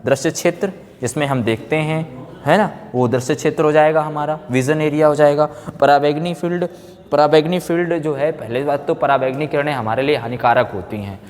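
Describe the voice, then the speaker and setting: His voice sits on the high side, a little fast and a little mellow, as he teaches physics to exam students. Phrases get repeated, check questions pop up, and English technical terms are woven in; the room echoes with a long reverb.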